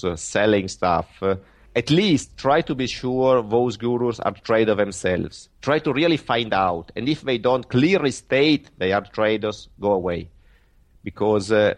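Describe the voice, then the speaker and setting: A man with an Italian accent speaks in a somewhat low voice, giving interview answers in careful, halting English. He pauses often, restarts his sentences and fills the gaps with "uh". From Italy. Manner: halting, many fillers and restarts. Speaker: guest trader.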